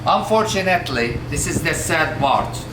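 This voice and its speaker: A man in his sixties, from Palestine and raised in Kuwait, telling his life story as a shop owner in a measured, earnest way with many pauses and hesitations. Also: on the high side, animated. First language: Arabic. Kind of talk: documentary interview, life story. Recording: roomy shop, mic at a distance, music behind.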